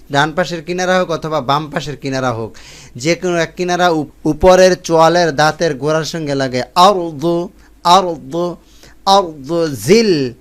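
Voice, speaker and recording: A man teaching Quran pronunciation, reciting the Arabic slowly and drawn out, then explaining each sound in quick speech. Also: fairly high pitch. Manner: slow drawn-out Arabic recitation between brisk spoken explanations.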